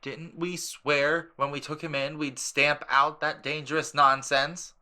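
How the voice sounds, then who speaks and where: A man voicing a gruff, blustering middle-aged uncle with a furious temper in an audiobook drama. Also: fairly high pitch, flat delivery, a little slow, sharp tone, voice pushed up. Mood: wild muttering. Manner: snapping, sneering, croaking, roaring. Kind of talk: audiobook drama character acting.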